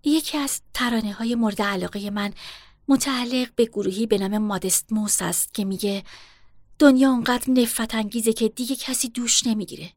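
A woman voicing a calm, persuasive young woman in a storybook reading, polite and coaxing. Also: fairly high pitch, no echo, clean studio sound.

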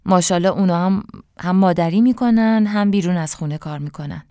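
A woman's voice: on the low side, dark tone, smooth, no room sound, clean studio sound, close to an everyday voice. A woman voicing a timid widowed young mother who talks hesitantly and pleads her case. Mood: earnest.

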